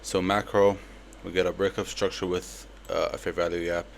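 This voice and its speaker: Young guy with a slight lisp, deep and pretty monotone, faint ac hum behind him. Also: moderate pace, vocal fry. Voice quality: slight lisp from a palate expander. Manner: casual, relaxed, with fillers. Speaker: trading educator. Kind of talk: screen-recorded trade breakdown.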